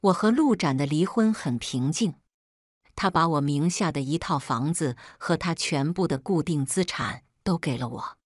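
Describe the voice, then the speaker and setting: Woman storyteller, steady scripted read, lowish and dry. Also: normal speed, no echo. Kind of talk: first-person scripted story narration.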